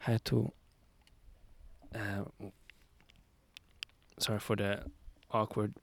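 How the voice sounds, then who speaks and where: A man in his twenties from Zurich, hosting a podcast episode outdoors in a relaxed, rambling way with many fillers and restarts. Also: lowish voice, takes it slowly, creaky. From Zurich, Switzerland. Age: 20s. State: sweaty in the heat. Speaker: podcast host. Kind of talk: casual solo monologue. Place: outdoors on a sunny hill.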